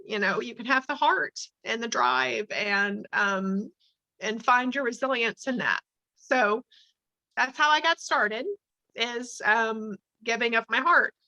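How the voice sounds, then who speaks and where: A woman's voice: a little high, takes it slowly, sharp tone, no room sound, dull audio. A middle-aged woman, a teacher and advocate, telling a personal story in conversation, earnest and emotional, with many fillers and restarts. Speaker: interview guest, teacher and charity advocate.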